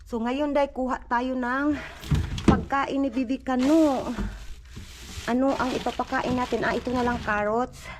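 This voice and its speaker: A woman's voice: high voice, fairly even intonation, measured pace, long pauses, noisy background. A woman from the Philippines, chatting casually in a home vlog as a mother, constantly addressing her viewers as "day" and "inday". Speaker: vlogger mother. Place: at home indoors.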